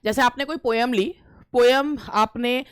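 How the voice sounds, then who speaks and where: A woman's voice: a little high, unhurried, smooth, no room sound. A middle-aged woman from India, giving casual instructional advice as a teacher, repeating phrases and hesitating often. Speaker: English teacher giving interview tips.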